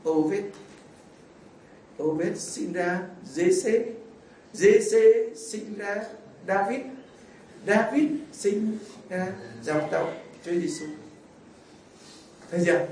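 A priest preaches a homily in a voice that sits high, telling folksy stories and posing rhetorical questions to his listeners. The sermon is recorded from far off in an echoey church, with slight background noise.

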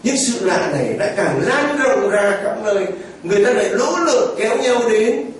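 A man's voice: high voice, expressive, normal speed, a little hiss or hum. A man preaching a sermon as a priest, telling the story with exclamations and vivid storytelling. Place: church. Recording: echoey church heard from far off.

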